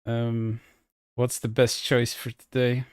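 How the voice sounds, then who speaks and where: A man's voice: mid-range voice, completely flat delivery, takes it slowly, clean tone, no room sound, clean studio sound. A man chatting casually on a livestream, speaking bluntly and crudely in a scornful way into a headset mic.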